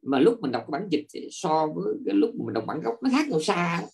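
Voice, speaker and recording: A man's voice: fairly high pitch, sing-song, brisk, gravelly, darkish tone. A man, a Buddhist monk, giving a dharma talk to a class, lecturing with rhetorical questions and repeating filler words as he searches for the next thought.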